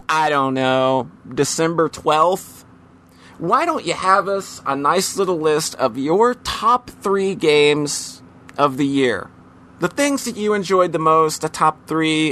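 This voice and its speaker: Bright-voiced man hosting a podcast. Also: fairly high pitch, a little hiss or hum. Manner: loose and rambling, full of ums and casual swearing. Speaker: podcast host. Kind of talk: casual podcast chat.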